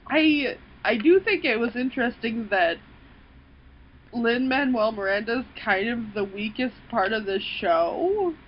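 A woman's voice: fairly high pitch, a little slow, a little hiss or hum. Laughing, swearing woman on a muffled podcast. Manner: laughs often, animated, swears casually. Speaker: podcast co-host. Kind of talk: casual podcast chat.

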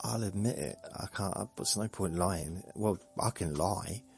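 A man's voice: deep voice, unhurried, vocal fry, darkish tone, faint music behind. A man hosting a sleep podcast, rambling in a meandering, self-deprecating way with jokey asides. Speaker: podcast host.

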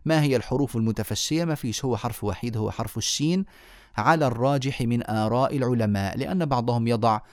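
Male tajweed teacher, mid-pitched voice, dry close recording, patient explaining tone, demonstrates each letter. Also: fast talker, a little mellow, dry recording. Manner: explanatory, repeats key words, demonstrates sounds aloud. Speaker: Quran recitation teacher. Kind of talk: online lecture on tajweed.

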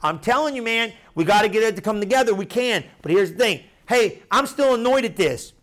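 A middle-aged pastor preaching a sermon, animated, repeating phrases and drawing replies from the congregation. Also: male voice, high-pitched, brisk.

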